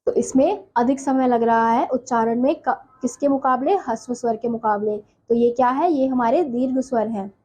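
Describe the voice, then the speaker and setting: A woman's voice: a little high, moderate pace, few pauses, mellow, rough recording. A woman teaching a Hindi grammar lesson, who asks her class questions and answers them herself.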